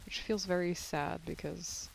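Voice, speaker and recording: Gravelly vocal fry, mid pitch, young adult streamer, rambling casual chat, swears a little, voice going. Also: fairly even intonation, unhurried, a little hiss or hum, poor audio. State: losing voice. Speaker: game streamer. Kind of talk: casual live-stream chat while gaming.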